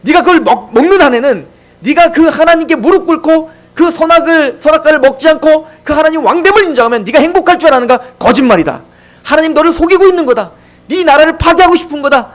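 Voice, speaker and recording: A man's voice: very high voice, lively intonation, fast talker, pitched above the performer's own voice. A man voicing a sneering male tempter, the devil, who mocks and goads with rhetorical questions. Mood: taunting. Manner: taunting, mocking rhetorical questions.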